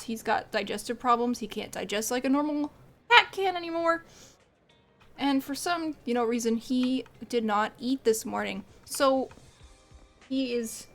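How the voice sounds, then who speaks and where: A woman with a high-sitting, fairly bright voice streams a game, chatting casually and rambling as she plays. She laughs often.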